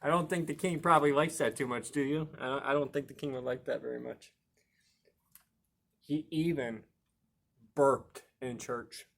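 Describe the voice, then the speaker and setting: A library storytime host gives an animated picture-book read-aloud for kids, playful and expressive, drawing out key words for emphasis and asking the listeners questions in chatty asides. His voice is mid-pitched and creaky.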